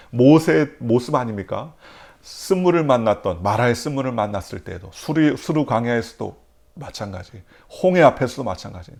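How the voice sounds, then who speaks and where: Gravelly Korean pastor preaching. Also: male voice, medium pitch. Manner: asks the congregation questions and answers them himself; swings between loud emphatic lines and near-whispers. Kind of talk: early-morning sermon. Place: church.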